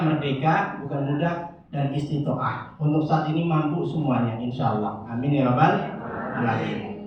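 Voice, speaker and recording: Guy giving a religious talk, jokey and lively, super echoey hall, far off dull mic. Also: a little high, a little hiss or hum. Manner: lively, jokey, addresses audience as Pak and Bu. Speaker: umrah guide instructor. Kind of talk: religious briefing lecture. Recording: echoey hall, distant muffled recording.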